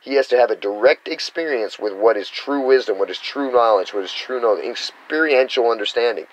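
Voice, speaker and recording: Speaking in a mid-range voice with the highs cut off, an American man gives an earnest, rambling, unscripted spiritual teaching monologue, occasionally acting out the reactions he quotes.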